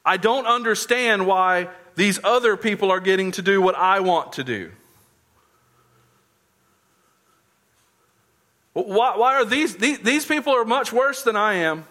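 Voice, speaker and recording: Role of a resentful young elder son, whiny and indignant, pitched high, put on by a male preacher. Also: lively intonation, moderate pace, few pauses, pushed and bright.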